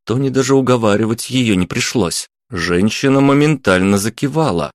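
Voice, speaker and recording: A man giving a steady, even first-person audiobook narration. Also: medium pitch, moderate pace, no echo, studio quality.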